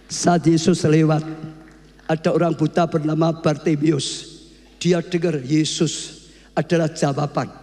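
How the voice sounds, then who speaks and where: Brief: male pastor, high voice, fiery sermon that swings into shouting, long hall reverb. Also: level tone, unhurried. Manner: repetitive, rising to shouts, addresses congregation as "saudara".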